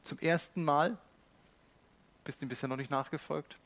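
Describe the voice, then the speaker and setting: A male pastor preaches a sermon in a slightly high voice. He explains step by step and then drops to quiet, earnest appeals. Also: steady tone, moderate pace.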